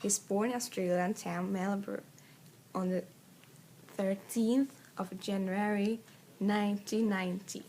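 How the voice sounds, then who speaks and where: A teenage girl with a Swedish accent reads a school presentation aloud in English, making small slips along the way. Her voice is medium-pitched with a darkish tone, and there is slight background noise.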